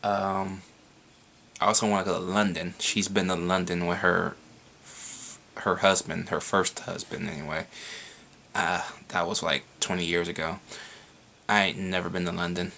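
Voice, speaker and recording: A man's voice: low-pitched, level tone, moderate pace, gravelly, long pauses, sharp tone, a little hiss or hum. A young man answering viewer questions in a casual vlog, rambling with frequent swearing and laughs.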